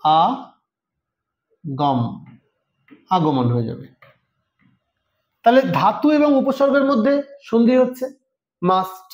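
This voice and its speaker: A man's voice: high voice, big pitch swings, slow, pauses often. A man teaching a Sanskrit exam-preparation lesson, explaining step by step and often checking that students follow. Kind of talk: online lesson. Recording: roomy echo.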